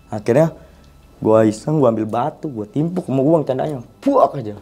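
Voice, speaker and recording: Mellow-voiced man from telling a story. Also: medium pitch, normal speed, breathy edge. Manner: animated, slangy, often addresses the host as 'Bang'. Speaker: guest storyteller. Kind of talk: casual storytelling chat.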